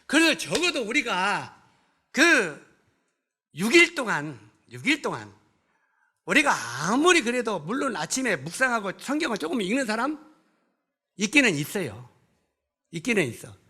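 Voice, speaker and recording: A male pastor delivers a sermon in a church, his voice pitched unusually high and swinging widely up and down. The tone is bright and forceful. He keeps throwing rhetorical questions at the congregation and mixes blunt scolding with humor. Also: sing-song, normal speed, long pauses, husky. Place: church sanctuary.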